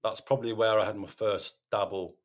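A man, a podcast host, telling his own story in a candid interview, halting, with many ums and repeated words. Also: fairly low pitch, steady tone.

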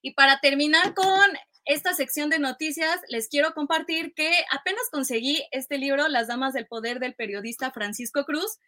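Woman, news host, high pitch, sharp bright tone, direct audience address. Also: moderate pace.

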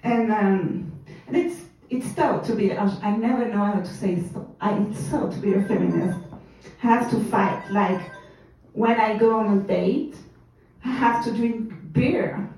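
A woman with a French accent practicing stand-up jokes in English, halting as she searches for words. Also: mid-range voice, darkish tone, a little hiss or hum. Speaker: comedy student. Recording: echoey room from far off.

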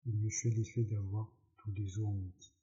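A man reading the lines of a steady, authoritative ranch hand who takes charge, in a dull lo-fi recording. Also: on the low side, moderate pace, close to an everyday voice. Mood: firm.

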